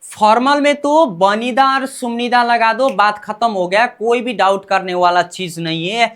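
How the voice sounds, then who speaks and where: Lady teacher going over korean grammar real slow, repeats every example, keeps asking "what do we say?". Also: fairly high pitch. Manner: repeats example phrases slowly and quizzes the learner. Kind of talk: explaining grammar step by step.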